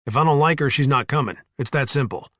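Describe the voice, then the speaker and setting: A man's voice: mid-range voice, fast, fairly bright tone, dry recording, voice pushed up, natural voice. A man voicing a tough ex-soldier in an audiobook, blunt and teasing in a dry way. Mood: wry teasing. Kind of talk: audiobook character voice.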